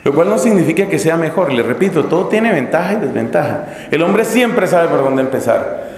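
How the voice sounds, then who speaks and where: A middle-aged man with a Colombian Spanish accent gives a lively, humorous sermon, acting out the people he talks about. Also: a little high, normal speed. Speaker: Dominican friar preacher. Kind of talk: sermon to religious sisters. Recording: echoey hall, long reverb.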